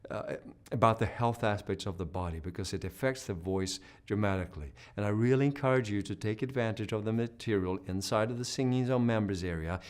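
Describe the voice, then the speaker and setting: A man with a lowish voice talks fairly quickly as he gives an online singing lesson in an instructional video. The singing teacher explains patiently, checks in with "right?", and demonstrates hoarse and humming sounds mid-explanation.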